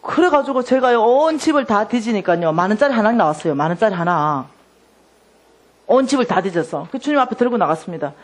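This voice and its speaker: Lively middle-aged woman preaching. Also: mid-range voice, brisk. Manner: lively storytelling, acting out dialogue. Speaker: lay minister giving testimony. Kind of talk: sermon testimony.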